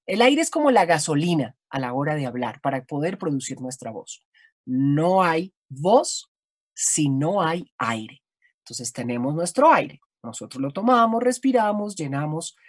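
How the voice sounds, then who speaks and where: A middle-aged Colombian woman with an Antioquian accent, explaining voice and breath in an expressive, teacherly way over a video call from home. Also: sits low, husky, no echo, studio quality. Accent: Colombian Antioquian Spanish. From Colombia, Antioquia region. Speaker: voice-over artist and voice coach guest. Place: home room with bookshelves. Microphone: video call webcam.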